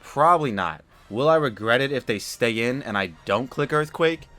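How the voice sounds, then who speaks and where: A man talks through his own Pokemon battle in a loose, rambling way, filling gaps with "uh" and "um." He sounds a little drowsy, then jumps to loud, excited outbursts. His voice sits in a middle pitch, with faint music playing underneath. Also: normal speed. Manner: relaxed and chatty, many fillers, swings into loud excited reactions. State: drowsy after a nap. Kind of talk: casual gameplay commentary. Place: home room.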